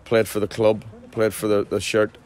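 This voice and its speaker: Low-voiced man, pitchside interview. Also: flat delivery, moderate pace, darkish tone. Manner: chatty, frequent restarts and fillers. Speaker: football manager. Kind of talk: post-match interview. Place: outdoors at a football ground at night.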